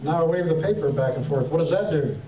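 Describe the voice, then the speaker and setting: This man's voice sits on the high side, animated and quick. Like a kids' party magician and emcee, he runs comedy magic patter and playfully urges the crowd to answer back from a talent show stage in an echoey hall. The audio comes from a distance, muffled, with music and crowd sounds.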